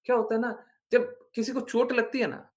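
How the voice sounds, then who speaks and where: A man's voice: very high-pitched, level tone, moderate pace. A man giving a devotional class talk, earnest and insistent, repeating phrases for emphasis and mixing English words into his speech. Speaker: spiritual teacher.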